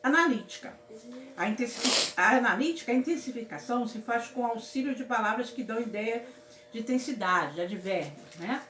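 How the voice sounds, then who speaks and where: A Brazilian woman with a fairly high, slightly bright voice gives a casual grammar lesson, speaking expressively and fairly quickly. She checks in affectionately with her students, repeating "certo, meus amores?" The echoey room carries a faint hum of ambience.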